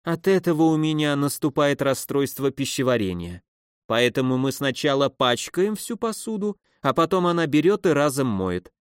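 A man's voice: on the high side, expressive, moderate pace, clear, resonant tone, no echo, clean studio sound, natural voice. Man voicing a sneering drunken old woman. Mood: sardonic. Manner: sneering, scolding, loudly theatrical.

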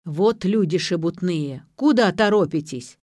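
A woman voicing a cranky old village healer woman who croaks and grumbles curtly, for an audiobook. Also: fairly low pitch, animated, measured pace, a little mellow, dry recording, studio quality. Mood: grumbling. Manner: grumbling, curt.

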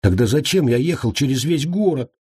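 A man's voice: mid-range voice, very animated, normal speed, breathy edge, no echo, clean studio sound, voice pushed up. A man voicing a grumbling, hot-tempered young man in an audiobook, whiny and indignant. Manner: whining, indignant.

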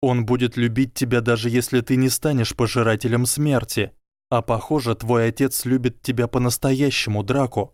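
A man voicing an earnest, clever young wizard who argues calmly and persuasively. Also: medium pitch, normal speed, no echo, clean studio sound, lightly acted. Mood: pleading. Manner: calm, reasoning, quietly persuasive.

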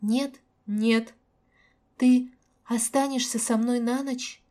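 A woman's voice: fairly high pitch, steady tone, slow pace, warm tone. A woman reading the lines of an anxious young woman who pleads on the verge of tears in an audiobook. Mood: pleading.

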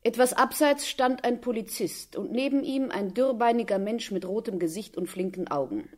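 A woman reading the narration of a radio play in a calm, even storytelling manner. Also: fairly high pitch, normal speed.

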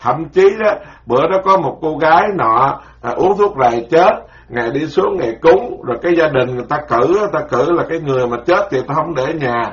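A man's voice: on the high side, animated, brisk, fairly bright tone. A man, a Buddhist monk giving a dharma lecture in a folksy, colloquial way and acting out voices in his stories. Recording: roomy, dull lo-fi recording.

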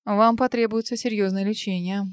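A woman's voice: mid-range voice, steady tone, fairly quick, smooth, no echo, clean studio sound, close to an everyday voice. A woman voicing a stern female gynecologist who delivers bad news in a grave, clinical way.

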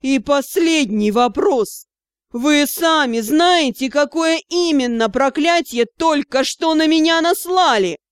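A woman voicing a furious, stern male academy director who speaks slowly and hisses through barely held-back anger, in a close, dry recording. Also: high voice, no room sound. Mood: icily furious. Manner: slow, clipped, hissing through anger.

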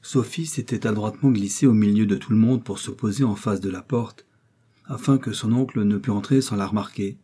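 Male audiobook narrator, low pitch, dark mellow tone, husky, measured literary reading.

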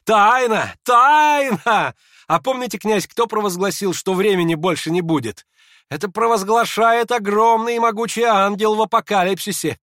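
A man puts on a sick young man in a feverish, hysterical fit, his voice jumping high and sharp. He talks in a shrill, excited rush, laughing strangely, recorded close and dry like a storybook reading. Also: measured pace, hardly any pauses, dry recording. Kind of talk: audiobook character reading.

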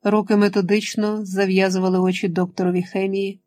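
A woman narrating an adventure audiobook in a steady, measured reading voice. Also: mid-range voice. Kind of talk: scripted narration.

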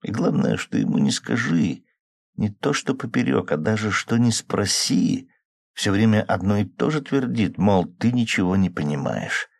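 A man's voice: fairly low pitch, sing-song, moderate pace, creaky, dry recording, studio quality, voice pushed up, heavily acted. A man voicing an upset young woman who sighs and pleads plaintively, in an audiobook. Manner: plaintive, sighing. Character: upset young woman, worried about her drinking man.

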